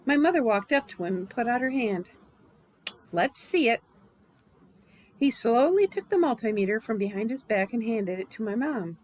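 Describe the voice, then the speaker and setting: An older woman reading a novel aloud, animated storybook reading. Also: fairly high pitch, brisk, few pauses, no room sound, rough recording. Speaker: reader.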